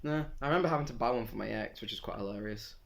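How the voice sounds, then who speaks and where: A man's voice: on the low side, racing, vocal fry, slight background noise. A young man co-hosting a casual comedy chat at home, rambling and jokey with frequent laughter, recorded on a phone camera. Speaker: co-host of a comedy chat channel.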